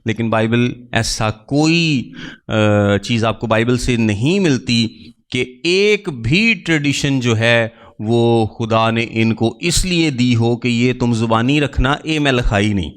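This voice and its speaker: A male preacher with a Pakistani Urdu accent teaches at an ordinary, middle pitch. He poses a question, gives the answer himself, then says it again to drive the point home. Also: fairly bright tone. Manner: asks questions and answers them himself, repeating key terms. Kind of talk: sermon teaching.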